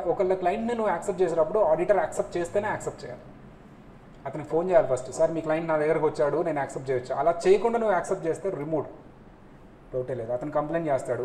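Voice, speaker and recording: A man teaching a class, quizzing his students and acting out little scenes as he goes. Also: fairly high pitch. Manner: lively, asks students questions, acts out scolding scenes. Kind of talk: classroom lecture. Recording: echoey room, faint noise.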